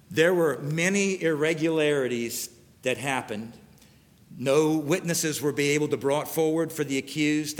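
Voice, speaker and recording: Pastor guy preaching, kinda high voice, lots of church echo, reads verses out loud. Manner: earnest preaching, pausing to read verses aloud. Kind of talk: sermon with scripture reading.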